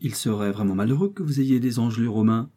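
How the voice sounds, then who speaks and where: A man's voice: medium pitch, fast, warm tone, close to an everyday voice. A man voicing a kindly old squire. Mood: fond. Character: kindly older country squire, fond uncle.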